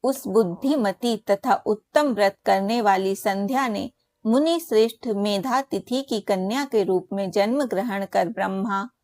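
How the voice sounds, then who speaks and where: A woman voicing the creator god Brahma as a wise male elder, telling the tale in a solemn, measured way. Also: mid-range voice, darkish tone, dry recording, studio quality, lightly acted.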